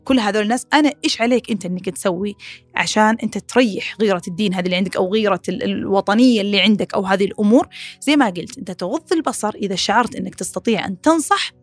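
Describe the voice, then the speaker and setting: A woman hosting a podcast, giving casual advice, animated and repeating phrases as she talks. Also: no room sound, soft background music. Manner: animated, acts out quoted critics in a higher voice; rapid, repeats phrases, many fillers. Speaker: podcast host.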